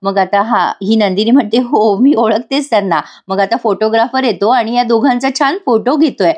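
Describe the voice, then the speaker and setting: A woman's voice: fairly high pitch, brisk, darkish tone. A woman giving a chatty voice-over recap of a TV serial episode, talking directly to viewers. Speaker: TV serial reviewer.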